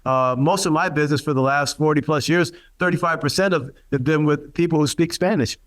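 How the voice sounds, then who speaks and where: An older man speaking at a symposium, his voice sitting a little high for a man. He talks earnestly, pausing often and filling gaps with hesitations as he builds his points. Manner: earnest, halting, many fillers. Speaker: panel speaker for a real estate group. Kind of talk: public speech at a symposium.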